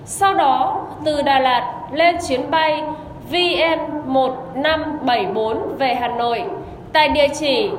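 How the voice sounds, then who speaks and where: A woman reading a formal, measured official announcement as a commune radio announcer over a public loudspeaker. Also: high-pitched. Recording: echoey loudspeaker, long reverb, background noise.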